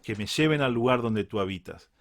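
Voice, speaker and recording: A man's voice: mid-range voice, lively intonation, brisk. A man with a Uruguayan Spanish accent preaching a reflective Bible sermon, earnest and repeating key phrases for emphasis.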